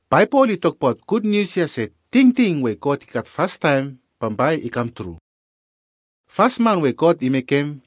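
A man's voice: fairly high pitch, no echo, clean studio sound. A man with a Melanesian Pidgin accent, narrating a scripted Bible lesson as its presenter.

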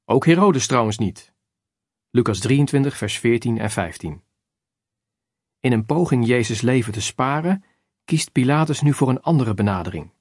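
A man reading a religious book aloud as narrator, in a measured, even way that includes chapter and verse numbers. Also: medium pitch, husky, no echo, studio quality.

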